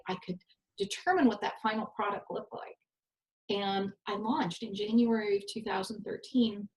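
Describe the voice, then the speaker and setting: A network host from Southern California tells stories in casual conversation, self-deprecating and animated. Her voice is medium-pitched and somewhat nasal, with a roomy echo around it.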